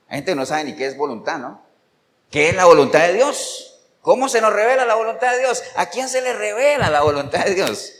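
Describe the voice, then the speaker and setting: High-voiced pastor preaching in a reverberant church. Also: male voice, a bit bright. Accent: Costa Rican Spanish. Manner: emphatic, rhetorical questions to the congregation. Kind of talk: sermon.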